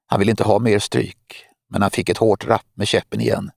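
Male audiobook narrator, steady and measured, gravelly voice, dry close recording. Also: lowish voice, dry recording. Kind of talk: scripted narration.

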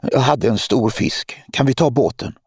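A man's voice: mid-range voice, gravelly, darkish tone, husky, no echo, clean studio sound, pitched above the performer's own voice. A man voicing an eager, insistent seven-year-old boy in an audiobook. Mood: pleading.

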